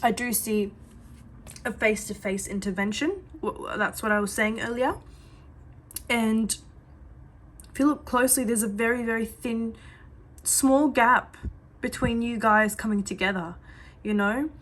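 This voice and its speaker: A woman doing a psychic reading for a client in a slightly high voice. She talks in an earnest, reassuring, chatty way and keeps saying what she sees. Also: fairly even intonation, unhurried, long pauses, fairly bright tone. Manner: earnest and reassuring, repeats "I do see"; chatty, with many fillers and restarts. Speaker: psychic reader. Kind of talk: reading coffee grounds to a client.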